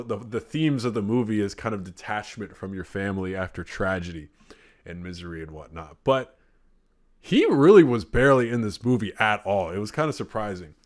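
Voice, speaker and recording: A man casually reviewing a movie he saw, rambling, swearing freely and drifting off topic. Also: lowish voice. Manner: rambling and profane, often sidetracked.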